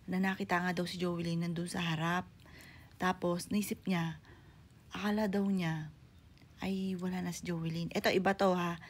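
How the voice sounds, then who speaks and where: A middle-aged woman, a mother telling her viewers a personal story in a halting, often hushed way. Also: on the low side. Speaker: grieving mother vlogger. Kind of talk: casual spoken storytelling to viewers.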